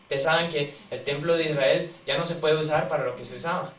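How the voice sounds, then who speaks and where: A male preacher tells stories and asks his congregation questions in an easy, conversational way. His voice sits a little high and is picked up from afar in a reverberant church, with a faint room hum behind him. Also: fairly even intonation, quick pace, fairly bright tone. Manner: conversational storytelling, acting out quotes, asking the congregation questions. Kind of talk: sermon. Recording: distant mic in a reverberant church, faint ambience.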